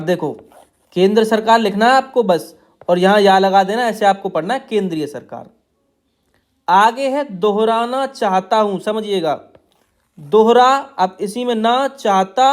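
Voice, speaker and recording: A man teaching shorthand outlines, explaining each stroke in a patient, repetitive way while drawing on a tablet. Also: high-pitched. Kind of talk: tutorial explaining steno outlines.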